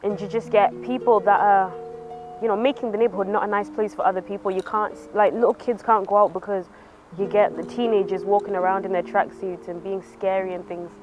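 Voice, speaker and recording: A woman's voice: medium pitch, steady tone, a little fast, poor audio. A young woman in her late teens from North East England, talking reflectively in a documentary interview. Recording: music playing under the voice. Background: background music.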